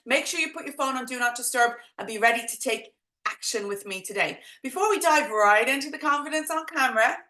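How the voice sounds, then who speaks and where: A woman's voice: fairly high pitch, bright, forceful tone, reverberant. A woman with a thick Dublin accent presenting an informal live online workshop as a coach, chatting directly and encouragingly to her viewers.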